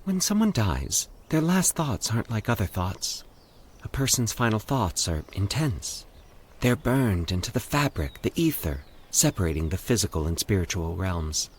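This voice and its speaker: For an audio horror story, a man voices a calm, eerie woman who communes with the dead, using a soothing, measured monotone at a fairly low pitch. The mood is solemn and intense, with slight background noise.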